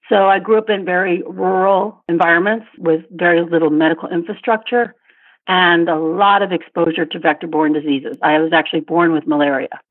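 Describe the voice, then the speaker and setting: A woman's voice: lowish voice, breathy edge. A middle-aged woman, born in Vietnam and raised in Asia and Africa, answering interview questions thoughtfully, with restarts and small laughs. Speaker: interview guest. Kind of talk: casual interview over a phone line. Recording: tinny phone line.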